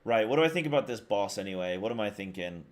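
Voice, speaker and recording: An esports caster and live streamer chats loosely with his viewers, rambling in slang and repeating himself. His voice is fairly low, with lively intonation and a quick pace.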